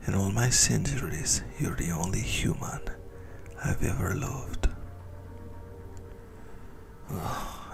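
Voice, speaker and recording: A man whispers through an ASMR roleplay as a vampire lover who is centuries old and possessive, his tone smugly menacing and intimate. With a fairly low pitch, the breathy, gravelly full character voice feels devoted and intense.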